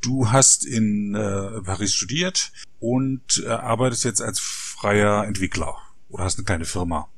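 Man, podcast host, husky voice, lowish pitch, relaxed chat. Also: a little slow, few pauses, no echo. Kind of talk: casual podcast interview.

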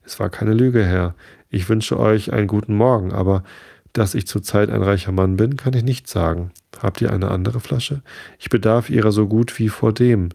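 A man reading a storybook and voicing an eager, poor tenant farmer with a creaky voice. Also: fairly low pitch, moderate pace, mellow. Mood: pleading.

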